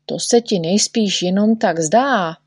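A woman's voice: medium pitch, husky, no room sound, studio quality, lightly acted. A woman voicing a fussy, patient little male doctor who soothes and chides his patient. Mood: soothing. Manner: soothing, chiding.

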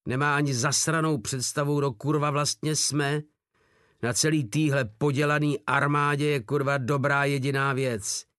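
Male reader as a brash, cursing soldier; raised and loud. Audiobook. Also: a little high, fairly even intonation, no room sound, studio quality, pitched above the performer's own voice, close to an everyday voice. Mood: angry scorn. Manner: swearing, brash shouting. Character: coarse brawny soldier, loud, foul-mouthed.

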